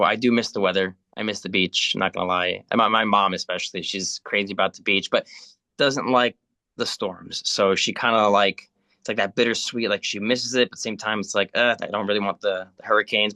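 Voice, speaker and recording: This is an Italian-born man in his late thirties, talking casually on a video call. His voice sits fairly low but sounds bright and forward. He rambles, filling gaps with "um" and restarting sentences, and the sound is dry and close. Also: a little fast, dry recording. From Italy. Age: 30s. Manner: rambling, many fillers and restarts. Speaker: spiritual guide.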